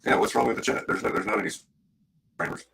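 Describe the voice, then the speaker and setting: A man's voice: quick pace, fairly bright tone. A man hosting a livestream, chatting casually in an easygoing, laid-back way. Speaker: livestream host. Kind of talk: casual chat.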